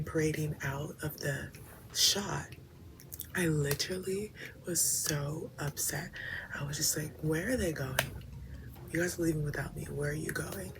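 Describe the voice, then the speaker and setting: A young woman in her twenties with a deep, gravelly voice talks in a loose, reflective vlog chat. She drifts between soft speech and breathy half-whispers, padding her thoughts with fillers. A steady ambient hum sits clearly behind her. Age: 20s. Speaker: vlogger. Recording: steady ambient background noise.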